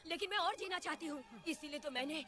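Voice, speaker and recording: A woman's voice: high-pitched, fast, close to an everyday voice. A woman dubbing an unmarried village woman who fears childbirth and talks in repetitive, rambling sentences. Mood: anxious. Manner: rambling, repeating herself. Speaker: dubbing actress. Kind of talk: Hindi film dub. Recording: film score behind voice.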